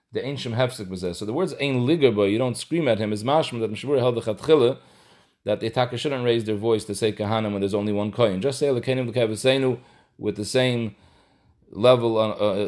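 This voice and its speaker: A man's voice: mid-range voice, a little mellow. Man teaching a halacha lesson. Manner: explanatory, mixes Hebrew and Yiddish terms into English. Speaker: Torah teacher.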